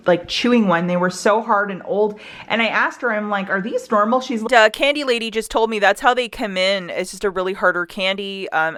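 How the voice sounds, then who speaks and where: A woman hosting a casual couponing haul vlog, chatty and excitable, often laughing. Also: mid-range voice. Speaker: couponing vlogger.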